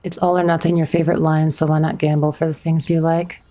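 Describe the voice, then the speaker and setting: A woman's voice: sits low, level tone, fast, dark tone. A woman streamer chatting casually with her viewers as she plays, a little awkward, answering chat on a streaming microphone.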